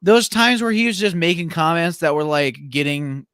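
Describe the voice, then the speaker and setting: A man's voice: fairly high pitch, animated, normal speed, clear, resonant tone, no room sound, clean studio sound. A young man co-hosting a casual movie review podcast, chatty, with lots of "like" fillers. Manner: chatty, many "like" fillers, mimics characters in a loud voice. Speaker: podcast co-host.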